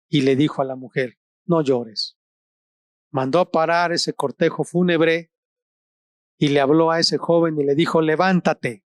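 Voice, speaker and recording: Man, pastor, sermon, very slow deliberate phrasing, long pauses, emphatic rises and soft low drops, dry close sound. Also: no room sound. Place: church service streamed online.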